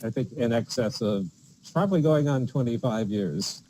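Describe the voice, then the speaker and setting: An older man in a casual online video chat, speaking in a halting way with fillers. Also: mid-range voice, animated, dark tone, a little hiss or hum, low-quality recording.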